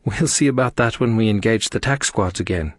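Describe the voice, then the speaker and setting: A man voicing a brisk, bossy young woman starship officer in an audiobook, giving orders. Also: lowish voice, no echo, clean studio sound, natural voice. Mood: commanding. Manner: commanding, brisk.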